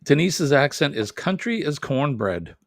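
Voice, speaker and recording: A slightly high, gravelly male voice with big pitch swings moves a little slowly through a clean, echo-free studio recording. The speaker, a New Englander with a Boston accent, rambles through viewer comments on his casual live stream, often correcting himself and chuckling.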